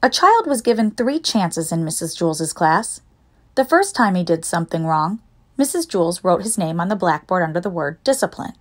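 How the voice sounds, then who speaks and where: A woman narrating a children's storybook in a lively, expressive reading voice. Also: fairly low pitch, normal speed. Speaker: audiobook narrator.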